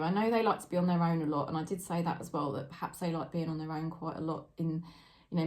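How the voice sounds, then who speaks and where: A woman giving a daily tarot reading to camera, talking in a chatty, heartfelt way about spirit guides and loved ones. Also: lowish voice. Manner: chatty and warm-hearted, tearful and laughing at times. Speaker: tarot reader.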